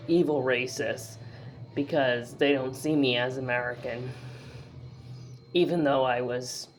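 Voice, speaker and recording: Slow, chatty woman vlogger. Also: extremely low pitch, slight background noise. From northeastern US. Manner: chatty and rambling, with many fillers and restarts. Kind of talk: casual talking-to-camera vlog.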